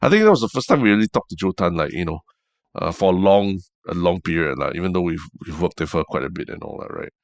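A man's voice: sits low, animated, quick pace, gravelly, dry recording. A man with a Singaporean accent chatting casually as co-host of a podcast. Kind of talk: casual chat.

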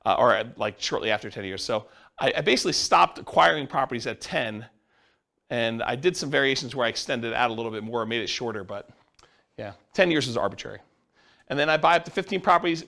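A man's voice: medium pitch, lively intonation, fast talker, creaky, bright, forceful tone. A man teaching a class, explaining step by step and asking the class questions. He says he is losing his voice. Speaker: real estate instructor.

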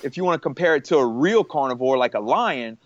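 A man's voice: medium pitch, lively intonation, fast, no echo, muffled recording. A man talking casually on a podcast, rambling with many restarts and fillers. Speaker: podcast guest. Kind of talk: casual conversation.

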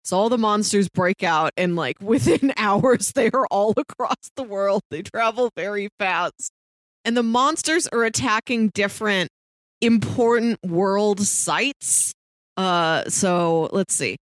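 On a podcast, a woman co-hosts a casual chat about films, playful and wry, often chuckling as she talks. Her mid-range voice moves slowly. The recording is dry, with clean studio sound.

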